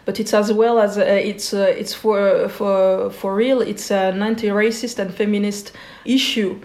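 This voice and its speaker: Being interviewed as a guest, a woman in her forties from Switzerland answers thoughtfully, pausing often and using fillers. Her mid-range voice is steady and darkish, with a roomy sound around it.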